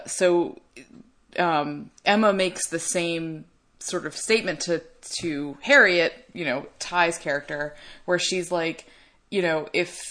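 A woman's voice: lowish voice, a bit bright. A woman co-hosting a casual podcast chat, working through her points in a thoughtful, analytical way. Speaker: podcast co-host.

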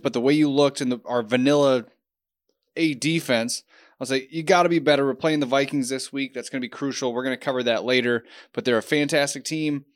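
A man co-hosting a casual football podcast, talking in a laid-back, measured way with frequent restarts. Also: medium pitch, dry recording, clean studio sound. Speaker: podcast co-host. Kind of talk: casual sports podcast chat.

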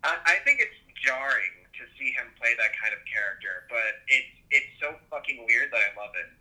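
A man's voice: medium pitch, expressive, a little fast, bright, forceful tone, poor audio. A man calling in on speakerphone, chatting casually in a hesitant way, full of fillers and swearing freely. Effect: heard over speakerphone. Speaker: podcast co-host calling in. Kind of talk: casual banter.

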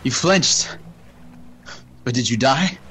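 A man playing a tough, stoic gunman in an audio drama, terse and deadpan. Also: mid-range voice, takes it slowly, a little hiss or hum. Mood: grim, dry.

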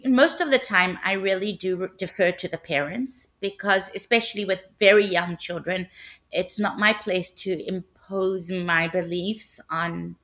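A woman from South Africa, a preschool teacher and podcast guest, speaking in a thoughtful, measured way. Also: fairly low pitch, steady tone, fairly bright tone. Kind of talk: casual podcast chat.

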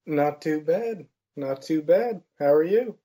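A man's voice: on the high side, lively intonation, slow pace, dark tone. A teenage American man from Pennsylvania, a film reviewer giving brief, modest answers in a casual interview. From Pennsylvania, USA. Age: teens.

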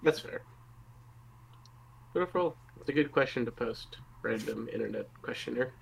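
A man's voice: mid-range voice, lively intonation, moderate pace, vocal fry, breathy edge, poor audio. A man co-hosting a casual tabletop gaming podcast, easygoing and agreeable. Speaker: podcast co-host. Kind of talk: casual chat.

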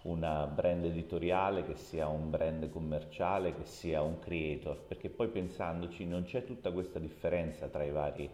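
A man, an author, answering interview questions in a reflective, measured way with a light touch of humor. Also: a bass voice, fairly even intonation, dark tone. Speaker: author and guest. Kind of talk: podcast interview. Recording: echoey room with long reverb.

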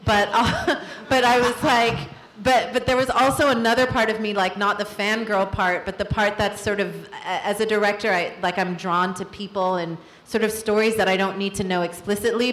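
A woman's voice: mid-range voice, steady tone, normal speed, few pauses, fairly bright tone, echoey room. A woman film director answering questions at a live Q&A, telling her story in a candid, reflective way.

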